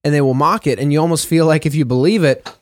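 A man co-hosting a casual Bible discussion, reading scripture passages aloud and talking them over in a relaxed way with small fillers and self-corrections. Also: fairly high pitch, fast talker, dry recording, studio quality.

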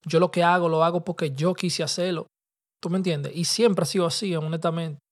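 A man's voice: on the high side, fairly even intonation, fairly quick. A young man with a Dominican Spanish accent tells a personal story in loose street slang, casual and conversational, dropping English words. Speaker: podcast host telling a personal story.

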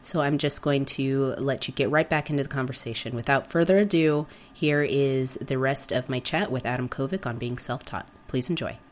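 A woman's voice: extremely low pitch, moderate pace, few pauses. A woman hosting a podcast in a scripted introduction, with a voice affected by being sick. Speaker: podcast host.

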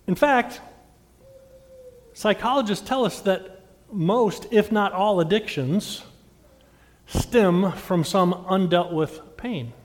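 A middle-aged male pastor with a high, bright-pitched voice delivers a sermon, putting questions straight to the congregation. He swells to loud emphatic peaks, then drops to near-quiet confiding passages. The sound rings with the long reverb of a large hall. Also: takes it slowly, pauses often. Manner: dynamic, swings from loud emphatic lines to hushed intimate ones; talks directly to the congregation with questions.

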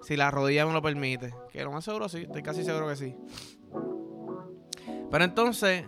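Over background music, a man with a slightly high voice and a Puerto Rican Spanish accent hosts a podcast at a moderate pace. He rambles through a crude, joking monologue thick with slang and vulgarity.

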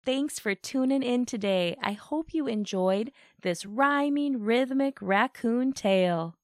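A woman host narrating a rhyming children's story in a gentle, rhythmic way, voicing its splashes and scoots with play. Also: on the high side, animated, slow pace, no room sound, studio quality. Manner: gentle, rhythmic reading with playful sound words. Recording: soft music behind the voice.

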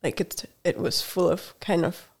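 A woman from Hungary chats as an interview guest in a lowish voice. She talks hesitantly, with lots of fillers and small laughs, and sounds tired after a short night. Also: level tone, measured pace, gravelly, a little mellow, husky. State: tired from little sleep. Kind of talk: casual interview chat.

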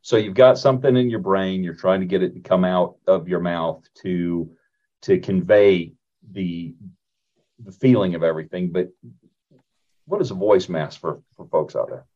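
A male host questions his guest in a very deep voice. He feels his way through each question with fillers and restarts, and the recording sounds dull and lo-fi. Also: moderate pace, dark tone. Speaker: podcast host. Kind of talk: interviewing a guest.

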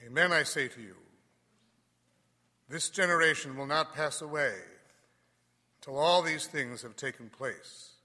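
Priest with a long cathedral echo. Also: male voice, on the high side. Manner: measured, deliberate, dropping softly at phrase ends. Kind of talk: Mass reading and homily. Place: large church.

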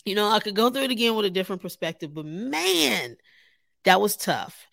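Gravelly-voiced woman hosting a podcast. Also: medium pitch, a little fast, dry recording, clean studio sound. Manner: animated, laughs often, talks straight to listeners. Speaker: podcast host. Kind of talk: casual solo podcast talk.

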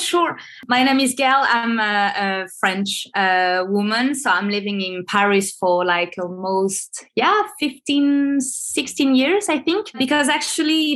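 Femme à la voix aiguë, hésitante. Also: female voice, a little high, unhurried, a bit bright. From Venezuela. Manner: hesitant, many fillers and restarts. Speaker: guest, marketing manager. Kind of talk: casual interview over video call. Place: home in Paris. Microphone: video call.

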